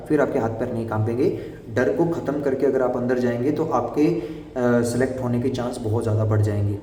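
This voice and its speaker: A young man giving fast, direct advice to job interview candidates in an instructive explainer style. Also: medium pitch, dark tone, slight background noise. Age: young adult. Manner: brisk and instructive, addresses viewers directly. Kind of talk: explainer video talk. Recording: echoey room, voice from far off the mic.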